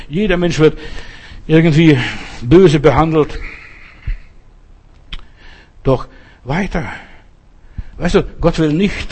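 A man's voice: on the high side, a little mellow. A man preaching a sermon, emphatic and earnest, sometimes crying out when he voices quoted lines. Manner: emphatic, rises sharply for quoted cries.

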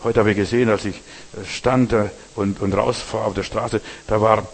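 A man's voice: fairly low pitch, fairly even intonation, normal speed, slightly rough, big-room sound. A man preaching a sermon, addressing listeners directly with frequent asides asking if they understand.

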